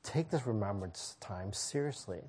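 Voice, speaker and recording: Husky guy preaching a sermon, pleading, repeats lines for emphasis, church setting. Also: on the low side, animated, normal speed, darkish tone. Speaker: pastor.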